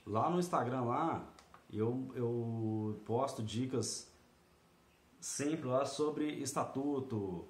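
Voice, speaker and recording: A man's voice: mid-range voice, very slow. A man tutoring through a practice exam in a casual video lesson, chatty and often checking in with the viewer. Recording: echoey room.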